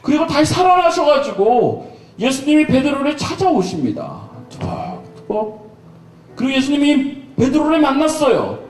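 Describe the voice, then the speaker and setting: A man's voice: extremely high pitch, very animated, moderate pace. A male pastor preaching to a youth festival in a playful, joking, colloquial way in a church sanctuary. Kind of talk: youth revival sermon. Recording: echoey church hall from far off.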